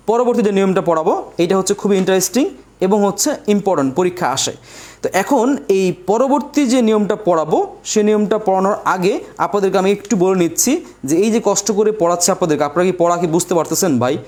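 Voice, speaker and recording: In a high-pitched, slightly mellow voice and at a quick pace, a young man teaches an online exam prep lesson live. He breaks things down step by step as he writes, restating points and raising questions he answers on his own.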